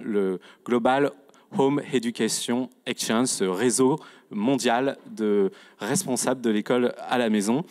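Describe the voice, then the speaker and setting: A man moderating a panel, introducing speakers in a semi-improvised, explanatory way with hesitations. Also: mid-range voice.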